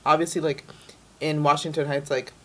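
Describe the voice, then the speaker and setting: Speaking at a normal pace with a low, flat delivery, this young Dominican-born woman raised in New York City sounds relaxed as an interview guest. She's chatty and fills her talk with lots of "like."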